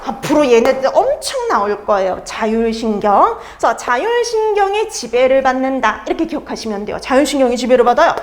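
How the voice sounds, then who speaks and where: Female, middle-aged, lecturer, repeats key terms, animated delivery. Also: sits high, brisk, hardly any pauses. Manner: asks students questions and answers them herself. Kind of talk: exam-prep lecture.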